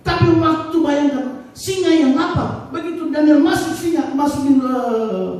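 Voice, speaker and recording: A man preaching a sermon as pastor, animated and acting out the stories he tells. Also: very high-pitched, unhurried. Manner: animated storytelling, acting out scenes. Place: church. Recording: echoey church hall, distant mic.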